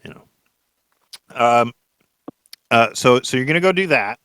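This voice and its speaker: A man's voice: medium pitch, lively intonation, unhurried, fairly bright tone, smooth. A man co-hosting a podcast, easygoing and laid-back in casual chat, asking curious questions. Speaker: podcast co-host.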